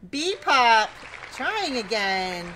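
A woman's voice: fairly high pitch, big pitch swings, very slow, background noise. A woman hosting a live stream in a chatty, teasing way, laughing often as she talks to her viewers. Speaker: live-stream host running a card pack battle. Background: faint background music.

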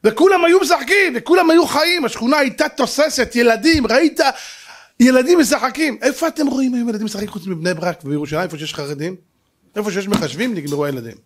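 Middle-aged rabbi, high voice, animated storyteller who acts out voices for a crowd. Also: male voice. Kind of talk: sermon.

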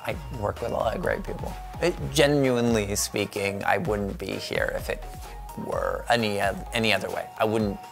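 Earnest gravelly-voiced man. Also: on the low side, animated, moderate pace. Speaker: employee in a recruitment video. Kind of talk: interview testimonial. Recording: background music.

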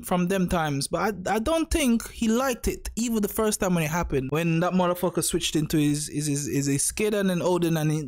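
Young man, high voice, slangy and profane, casual reaction chat. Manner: slangy, profane, repeats himself often. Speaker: anime reaction host.

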